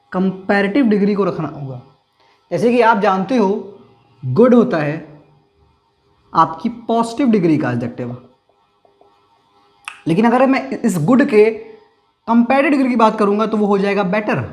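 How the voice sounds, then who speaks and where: A male teacher explains a lesson step by step, tossing questions at his listeners and answering them himself. He slows down to repeat key terms for emphasis, with faint music in the background. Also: high voice. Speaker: English grammar teacher.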